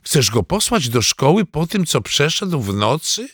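A man's voice: on the high side, very animated, measured pace, husky, no room sound, studio quality, pitched above the performer's own voice, exaggerated voice. A man voicing a fussy, doting grandmother in a storybook reading, speaking in a cooing, pampering way. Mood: fussing.

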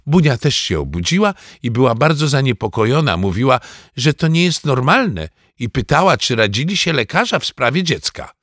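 Man reading a story with lively intonation. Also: mid-range voice, moderate pace, no room sound, studio quality. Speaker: narrator.

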